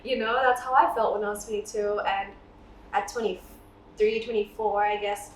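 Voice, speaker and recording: A woman's voice: mid-range voice, fairly even intonation, moderate pace, recorded from a distance, a little hiss or hum. A woman in her twenties, a singer-songwriter, chatting casually in an interview, laughing often and mixing in a few Thai words. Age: 20s. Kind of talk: relaxed interview talk. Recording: roomy, mic set back, music behind.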